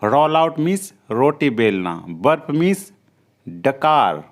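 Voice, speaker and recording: A man's voice: mid-range voice, sing-song, slow. A man teaching English vocabulary, saying each English word and then its Hindi meaning, rising on the word and falling on the meaning. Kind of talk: vocabulary drill lesson.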